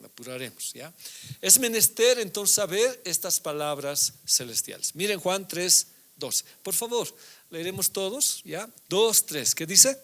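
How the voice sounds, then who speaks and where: A man's voice: high-pitched, expressive, measured pace, a bit bright. A middle-aged male pastor giving a conversational sermon, often checking in with his listeners through short tag questions.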